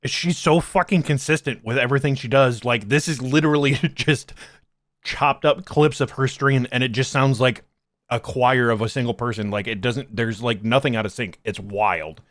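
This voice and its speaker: A man giving casual reaction commentary, conversational and halting, with frequent swearing. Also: medium pitch, a bit bright, dry recording, studio quality. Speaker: reaction streamer.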